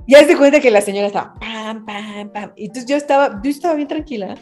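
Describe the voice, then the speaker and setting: Mexican girl guest on a podcast, animated, does little voices and sound effects, faint music behind. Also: fairly high pitch, fast talker. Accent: Mexican Spanish. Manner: animated anecdote-telling, mimics voices and sounds. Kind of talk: casual chat.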